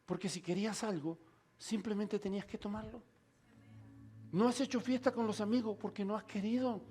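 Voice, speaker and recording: A male preacher voicing a gentle, loving father who speaks softly and slowly. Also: sits high, fairly even intonation, natural voice. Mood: tender. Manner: soft, slow, tender.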